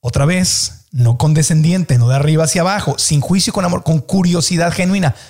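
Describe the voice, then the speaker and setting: A man with a Mexican accent, hosting a motivational podcast and coaching listeners earnestly, stretching key words slowly. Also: on the high side, darkish tone. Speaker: podcast host.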